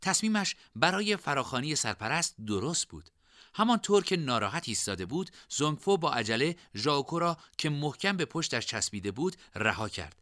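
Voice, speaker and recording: A man narrating a novel in an expressive storytelling manner. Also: a little high, dry recording, clean studio sound.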